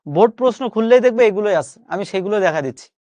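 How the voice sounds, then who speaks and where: In a muffled, echo-free recording, a man with a high, slightly mellow voice talks fast with lively intonation. He coaxes his students through a live online spelling lesson, repeating each word for drill, with a Bangladeshi Bengali accent and casual asides.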